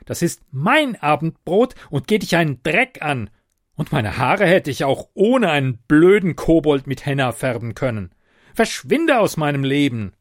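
A man's voice: a little high, lively intonation, slow pace, no room sound, clean studio sound. A man doing an exasperated woman's voice. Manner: indignant, sharp. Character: exasperated woman, tax office clerk.

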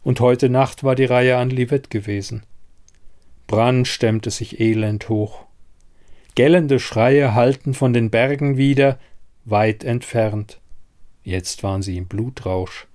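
A man narrating a dark fantasy audiobook in a measured, grave storytelling manner. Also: mid-range voice.

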